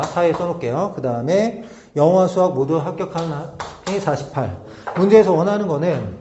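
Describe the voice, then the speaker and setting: Male math teacher, slightly high voice, patient walkthrough with frequent check-ins; roomy, dull recording. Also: warm tone, slight background noise. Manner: talks through steps slowly, checking in with tag questions. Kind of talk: whiteboard lesson walkthrough.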